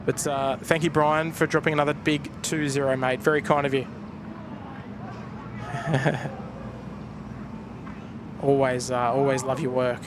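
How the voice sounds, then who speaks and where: Speaking a little slowly with long pauses, this Australian plane spotter keeps his mid-range voice fairly flat as he thanks viewers on his live stream. He's outdoors at an airport viewpoint, chatting casually, with passing traffic and aircraft audible behind him.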